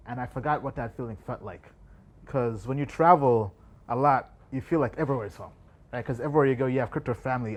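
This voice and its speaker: Ugandan-born guy in his 30s, just chatting and thinking out loud, mid-pitch voice. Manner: chatty, thinks aloud with restarts and "right?". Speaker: crypto investor and vlog host. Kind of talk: casual reflective talk to camera.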